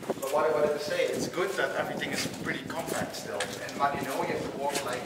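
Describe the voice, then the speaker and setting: A man's voice: mid-range voice, fast talker. A man, exploring an abandoned bunker and chatting casually with a friend. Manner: chatty, laughs often, points things out. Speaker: urban explorer vlogger. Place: abandoned concrete bunker tunnels. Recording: echoey bunker with faint hiss.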